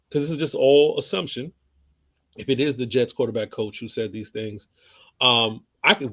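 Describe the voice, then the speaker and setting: A man's voice: medium pitch, a bit bright, no echo, dull audio. A man co-hosting a sports podcast, talking bluntly with lots of swearing and frequent laughs. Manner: profane, blunt, laughing often. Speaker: podcast co-host. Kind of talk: casual sports chat.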